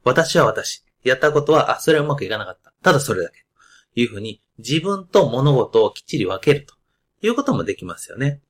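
A podcast host with a loud, carrying, mid-range voice speaks briskly in a sing-song way. He explains ideas in a casual monologue crowded with asides and fillers.

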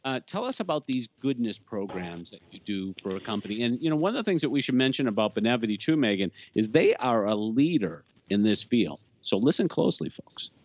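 A man's voice: medium pitch, sing-song, brisk, few pauses, a little mellow, a little hiss or hum. A man with a Boston accent hosting a podcast, chatting casually and bantering with his guests. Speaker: podcast host. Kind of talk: casual interview chat.

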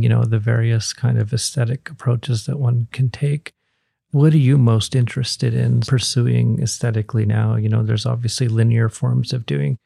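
A man's voice: medium pitch, vocal fry, dark tone, dry recording, studio quality. A man hosting an interview, asking long, winding questions full of "you know" and "I'm wondering". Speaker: interviewer host.

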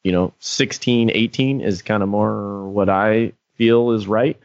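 A man's voice: fairly low pitch, fairly even intonation, a little slow, gravelly, no echo, dull audio. A man co-hosting a podcast in casual chat, rambling and filling his sentences with "like". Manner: rambling, peppered with "like". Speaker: podcast co-host.

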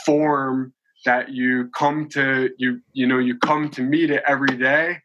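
Speaking a little slowly in a steady, mid-range voice, this man in his late twenties rambles as a podcast guest, full of restarts and fillers. It's a relaxed conversational interview, captured with lo-fi sound over a noisy background.

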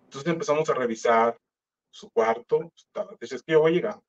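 A Mexican man tells his own story in a loose, slangy way and jumps into other people's voices as he goes. His voice sits a little high for a man. The recording sounds dull and muffled. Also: fairly quick. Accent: Mexican Spanish. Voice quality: slangy, animated, acts out quoted voices. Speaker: musician telling his story. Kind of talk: casual storytelling.

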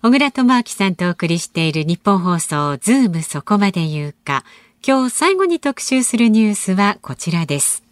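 A woman's voice: mid-range voice, very animated, moderate pace, dry recording, studio quality. A woman co-hosting a radio talk show, reading listener mail and chatting with a laugh. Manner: bright, laughs easily, reads listener mail. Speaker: radio announcer co-host. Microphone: studio microphone.

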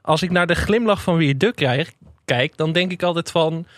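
A man co-hosting a casual talk podcast about television, joking and animated, often laughing. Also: a little high, moderate pace, no room sound, studio quality. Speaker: podcast co-host, TV critic. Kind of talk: casual chat.

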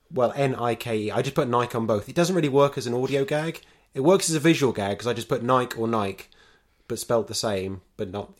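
A man hosting a podcast with a dry, sardonic humor. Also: on the low side. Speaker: podcast host. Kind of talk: casual chat.

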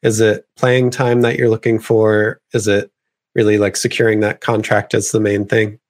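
A man hosting an interview asks long, casual questions packed with fillers. He speaks at normal speed in a slightly low voice, and his tone stays relaxed and conversational.

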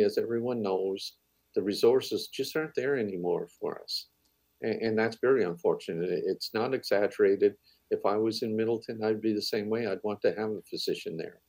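A man with a Cape Breton accent giving earnest, measured interview answers as a veteran paramedic. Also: on the low side, darkish tone, dry recording. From Cape Breton, Canada. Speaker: veteran paramedic and union manager.

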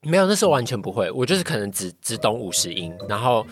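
A young adult man with a Taiwanese Mandarin accent chats casually as a podcast guest, recounting his experiences a bit hesitantly and repeating phrases. His medium-pitched voice is very animated, and he talks quickly.

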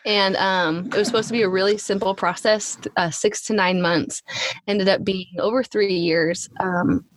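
A woman's voice: mid-range voice, steady tone, moderate pace, a little hiss or hum. A woman guest on a podcast, telling a family story in a chatty way full of likes and ums. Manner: chatty, many likes and ums, laughs often. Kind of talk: casual conversational storytelling.

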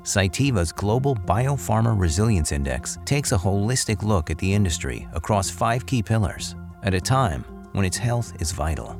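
A man reading a sponsor ad in a smooth, scripted way. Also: on the low side. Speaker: ad announcer. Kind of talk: sponsor read.

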